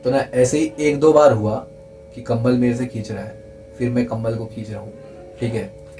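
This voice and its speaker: A young man earnestly telling a true scary story in casual chat, repeating himself for emphasis and dropping to a hush at the tense parts. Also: medium pitch, fairly even intonation, moderate pace, soft background music, low-quality recording.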